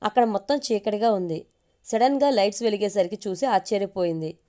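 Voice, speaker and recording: A woman narrating a family story in a calm, steady storytelling voice. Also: mid-range voice, brisk. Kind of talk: reading a family story aloud.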